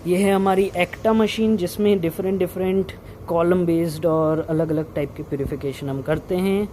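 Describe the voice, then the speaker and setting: A man's voice: high-pitched, steady tone, normal speed, a little mellow. A young man giving a casual vlog tour, informally mixing in English technical terms, his voice slightly muffled by a face mask. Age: young adult. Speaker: vlogger and lab researcher. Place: indoor research lab. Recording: muffled by mask, clear equipment hum. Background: running lab equipment and air conditioning hum.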